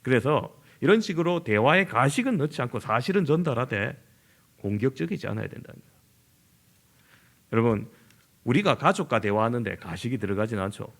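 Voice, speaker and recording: A middle-aged male pastor from southern Korea preaches with a rough, gravelly edge in his voice. His pitch rises and falls freely, and he slips into lively voices to act out conversations. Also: a little fast. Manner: animated, acts out everyday dialogue in lively voices. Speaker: senior pastor. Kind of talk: sermon.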